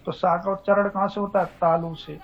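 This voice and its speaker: A man's voice: high-pitched, level tone, brisk. A male teacher giving a classroom lecture on Hindi grammar, asking questions and answering them himself in a repetitive drilling manner. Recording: dull lo-fi recording.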